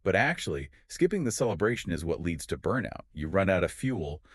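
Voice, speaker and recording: Deep, lively-voiced man explaining confidently. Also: a little fast, no room sound, studio quality. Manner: confident, explains in clear steps. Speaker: podcast co-host. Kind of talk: explanatory podcast chat.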